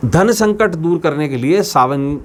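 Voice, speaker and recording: This male astrologer host speaks on the high side, expressively and a little slowly. Addressing his channel's viewers in a scripted talk, he declaims and keeps repeating phrases for emphasis.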